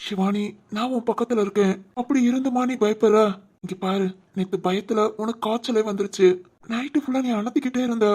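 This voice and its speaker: A woman voicing a gentle, caring young husband in an animated cartoon, soothing and reassuring. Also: medium pitch, fairly quick, slightly rough, lightly acted.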